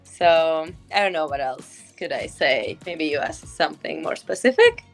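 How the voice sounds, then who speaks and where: Young woman, Hungarian accent, low-pitched, easy pace with pauses; faint music bed. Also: lively intonation, gravelly. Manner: unhurried, searching for words with many ums. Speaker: guest, professional hockey player. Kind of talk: casual interview answers.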